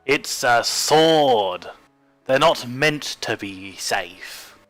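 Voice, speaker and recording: A man's voice: medium pitch, lively intonation, fairly bright tone, soft background music, voice pushed up. A man doing an unbothered Aussie drawl. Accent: broad Australian. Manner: slow, matter-of-fact drawl.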